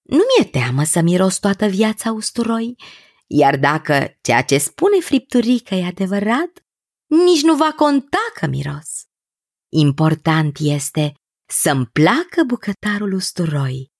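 An eager young princess, played by a woman storyteller, earnest and pleading, her voice lifted high above the narration. Pitch moves freely, and the storybook recording is dry and close. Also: very animated, a little mellow, no echo.

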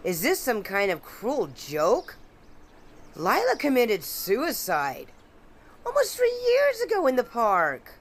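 A woman's voice: a little high, huge pitch swings, takes it slowly, full character voice. An actress playing a polite, grieving middle-aged neighbor and mother. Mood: distraught.

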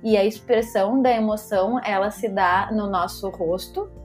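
A middle-aged woman, a psychologist guest on a podcast, speaks emphatically and keeps repeating rhetorical questions. Her mid-range voice is a little mellow and moves at a moderate pace over soft background music.

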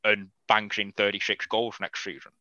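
A man talking football in a casual podcast chat, blunt and animated, swearing freely. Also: on the low side, moderate pace, dry recording. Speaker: podcast guest. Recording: slightly dull, lo-fi mic.

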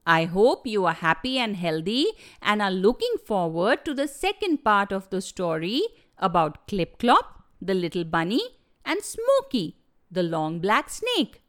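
A woman narrating a children's storybook in a gentle, expressive way. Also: medium pitch. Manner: gentle, expressive, slow reading.

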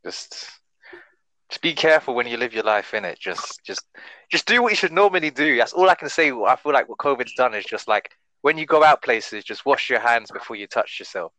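A man's voice: medium pitch, expressive, a little fast, pushed and bright, dry recording, poor audio. A man chatting casually in emphatic slang. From Britain.

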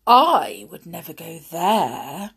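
This is a charming young man in a storybook, passing himself off as a prince, as a woman narrator puts him on. He is earnest and coaxing, and his voice stays soft and breathy. He speaks slowly. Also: on the low side, lively intonation, full character voice. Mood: proud.

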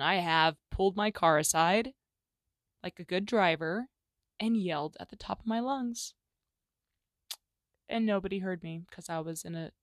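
Slangy woman, gravelly low voice. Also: dry recording. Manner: candid, slangy, swings from loud to hushed. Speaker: solo podcast host. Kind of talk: casual solo podcast chat. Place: small closet at home.

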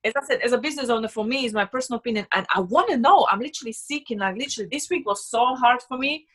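A young Slovak businesswoman, appearing as a guest, chats casually in English with a Slovak accent. Her voice sits on the high side and is fairly bright, and she talks very fast, earnest and emphatic, often repeating words.

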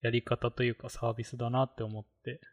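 A man's voice: medium pitch, level tone, fast. A man chatting casually about tech on a podcast, rambling with many fillers. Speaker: podcast co-host.

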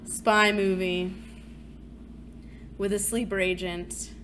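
A woman co-hosting a podcast in casual, comedic chat, chatty and quick to laugh. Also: mid-range voice, level tone, fairly bright tone, slight background noise. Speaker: podcast co-host.

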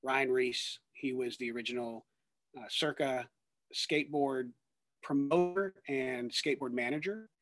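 A man's voice: medium pitch, a little slow, a bit bright, no echo, faint music behind. Earnest man telling his faith story. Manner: earnest, rambling with fillers and restarts. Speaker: ministry worker, guest. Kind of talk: conversational testimony.

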